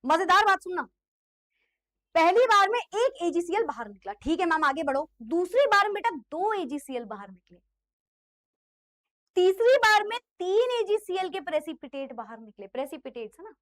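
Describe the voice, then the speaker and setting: A woman's voice: extremely high pitch, very animated, normal speed, fairly bright tone. A woman teaching an online chemistry class in a playful, teasing way, quizzing her students as she goes.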